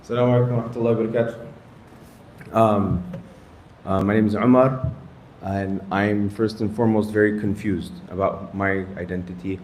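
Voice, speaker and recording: A man in his thirties with a lowish voice introduces himself at a gathering. He jokes at his own expense and rambles through his background, sprinkling in Arabic phrases. The room gives his voice a noticeable echo and a faint hiss. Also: fairly even intonation, normal speed, darkish tone. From United States. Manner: self-deprecating, joking, rambling with fillers and Arabic phrases. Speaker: Islamic studies teacher and youth director. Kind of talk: casual self-introduction to a group. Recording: echoey room with faint noise.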